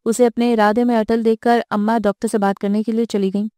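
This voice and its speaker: Woman narrating a novel, mellow voice. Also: a little high, little pitch movement, smooth, dry recording, studio quality. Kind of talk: novel read aloud.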